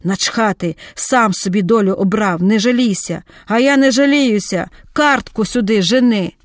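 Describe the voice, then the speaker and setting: A woman's voice: medium pitch, normal speed, dry recording, studio quality, close to an everyday voice. A woman doing a coarse, bullying man. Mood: furious. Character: crude, menacing middle-aged male lover.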